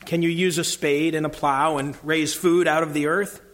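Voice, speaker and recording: Grave kingly lion read by a man, formal and measured, voice a bit high. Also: flat delivery, fairly bright tone, natural voice. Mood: solemn. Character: solemn kingly male lion creator.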